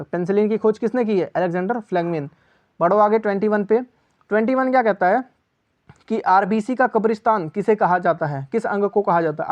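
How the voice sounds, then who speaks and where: On a muffled recording, a man with a high-sitting voice teaches an easygoing quiz lesson as an exam-prep teacher. He chats, calls on viewers for answers, and turns every key answer into a repeated question and reply.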